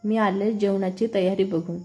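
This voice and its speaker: A woman voicing a shy but quick-witted young woman who gives short answers, in a read-aloud storybook. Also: mid-range voice, fairly even intonation, warm tone, close to an everyday voice.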